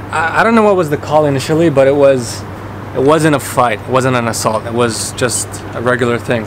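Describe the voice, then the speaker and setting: Young man chatting in an echoey room. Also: medium pitch. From Canada and Qatar. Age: 20s. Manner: relaxed, chatty, frequent fillers and restarts. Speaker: YouTuber answering viewer questions. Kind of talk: casual Q&A vlog. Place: home office, then outdoor courtyard. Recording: echoey room with clear background noise.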